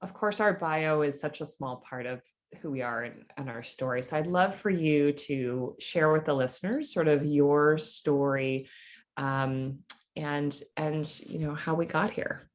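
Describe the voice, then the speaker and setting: A woman's voice: low voice, unhurried. A woman hosting a podcast interview, friendly, laughing easily and asking questions in a casual way. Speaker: podcast host and coach.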